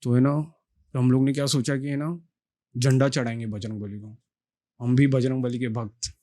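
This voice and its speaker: A man's voice: mid-range voice, little pitch movement, moderate pace, mellow. A young man, a podcast guest, telling a long personal story in a casual, earnest way, with lots of restarts and fillers.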